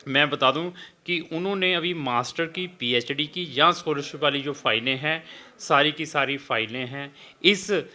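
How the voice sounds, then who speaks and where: A man speaking as an immigration consultant in an advisory video for students. He explains steadily, mixes in English phrases and often pauses on "uh". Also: a little high, pushed and bright.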